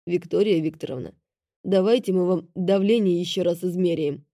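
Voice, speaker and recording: A woman voicing an elderly, grey-haired male doctor who gives polite, formal advice in a soft, calm manner. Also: fairly low pitch, normal speed, no room sound, studio quality, lightly acted. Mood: calm, courteous.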